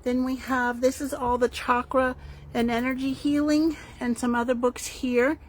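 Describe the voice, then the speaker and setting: In a high voice with flat delivery at a moderate pace, a woman from El Paso, Texas who owns a crystal shop gives a casual, unscripted tour of a warehouse as host. She films by hand and is chatty, enthusiastic, and meandering, with ambient noise clearly audible.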